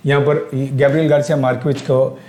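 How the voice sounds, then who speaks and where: A man's voice: medium pitch, level tone, a little fast, a little mellow, reverberant. A male teacher with an Indian accent giving an exam-prep lecture. He explains step by step, asks questions aloud and works English terms into his talk.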